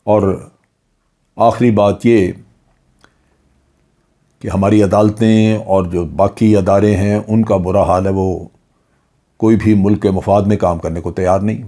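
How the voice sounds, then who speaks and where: An older man, a retired Pakistani general, speaks in a low, steady, warm voice with long pauses. He delivers an earnest political commentary monologue full of rhetorical questions.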